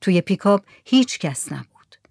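A woman narrates a literary story in a soft, hushed delivery that often sinks nearly to a whisper. Her voice sits in a middle register and is recorded close and dry, with no room echo. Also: medium pitch, sing-song, creaky. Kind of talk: reading a literary short story aloud.

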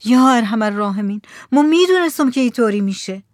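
A man's voice: very high-pitched, animated, no room sound, studio quality. A woman voicing a frightened fisherman. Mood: fearful. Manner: trembling, pleading, anxious. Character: frightened superstitious village fisherman.

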